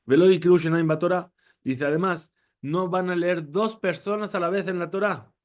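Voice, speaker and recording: A man teaching a Torah lesson. He reads Hebrew lines quickly and translates each one, then explains step by step with short phrases and rhetorical questions. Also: high voice, steady tone, a little mellow. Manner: speaks in short phrases, fills with "eh" and "¿sí?". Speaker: rabbi teaching.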